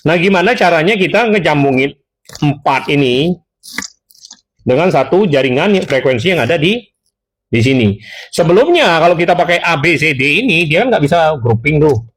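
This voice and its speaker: A slightly high, husky male voice belongs to a seller showing off intercoms. He runs a casual, talkative tutorial, speaking straight to the audience and revising his words as he goes.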